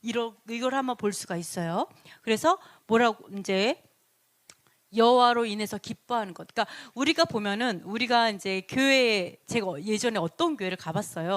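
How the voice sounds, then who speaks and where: A woman teaching a Bible lesson in a lively, animated way, acting out the lines she quotes and laughing between points. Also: mid-range voice.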